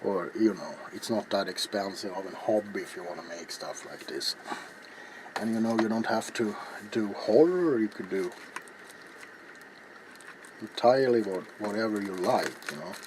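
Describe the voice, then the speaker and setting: Working in a small, cluttered hobby workshop indoors, a middle-aged ASMR craft video host chats through a casual tutorial in a rambling, offhand, self-mocking manner. He speaks at normal speed in a lowish voice with lively intonation. Background noise is clearly audible in this noisy home recording.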